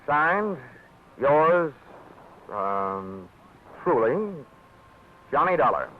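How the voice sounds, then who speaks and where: Johnny Dollar wry hard-boiled investigator. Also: male voice, a little high, very animated, drawn-out words, a little hiss or hum, full character voice. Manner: dry, wisecracking first-person narration. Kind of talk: 1940s radio acting. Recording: tinny old radio broadcast with music.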